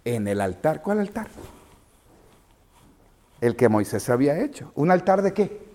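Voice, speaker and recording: Slow, patient male Bible teacher. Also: a little high, very animated, warm tone. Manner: patient questioning, calls on pupils by name. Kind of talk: interactive Bible lesson with children.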